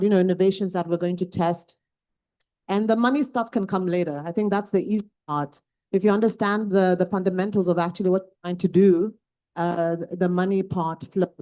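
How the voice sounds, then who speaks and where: A woman's voice: on the low side, warm tone. A woman from Africa giving conversational remarks as a panelist.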